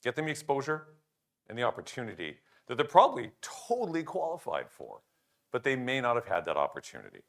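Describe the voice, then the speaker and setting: An older man giving a conference talk, lively and jokey, acting out the remarks of others and poking fun at himself. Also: mid-range voice, fairly quick, creaky. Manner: animated, jokey, self-deprecating, acts out quoted remarks. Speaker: conference speaker.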